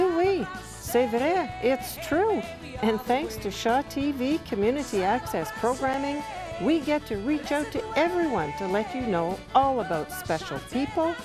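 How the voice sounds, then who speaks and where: A woman announcer reading an upbeat scripted show intro, bubbly and mixing in French phrases. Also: on the high side. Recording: music playing underneath.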